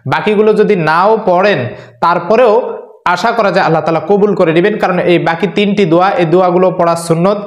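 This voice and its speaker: A man teaching a religious lesson on prayer recitation, earnest and instructive, repeating phrases slowly for learners. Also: high-pitched, steady tone, echoey room.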